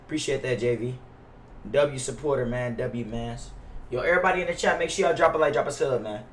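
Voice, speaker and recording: A young American man chats casually with viewers while livestreaming a game, using slang, swearing a lot and repeating phrases. His voice is mid-range and a little fast. He's on a gaming headset in a small indoor room, and the roomy, distant-mic recording has faint noise and keyboard clicks.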